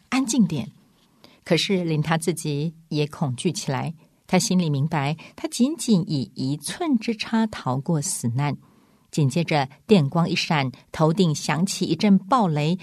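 A woman reads a storybook aloud, dramatic and expressive, with a lively, swinging pitch from a lowish base. The recording is dry and close with no room sound. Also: no room sound. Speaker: audiobook reader. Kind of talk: storybook narration.

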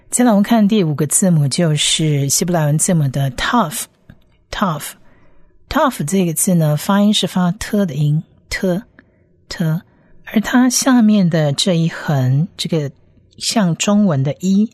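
Woman, teacher, patient, repeats sounds, deep voice, dry close recording. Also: a little mellow, no echo. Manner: patient, repeats each sound several times. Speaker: language teacher. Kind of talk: step-by-step lesson.

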